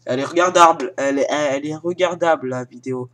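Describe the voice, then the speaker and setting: A man's voice: a little high, fast, a bit bright. Young man hesitantly showing film sites. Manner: hesitant, many fillers and restarts; self-mocking, joking asides. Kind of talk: casual screen-recording tutorial. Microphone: filming with a phone held in one hand.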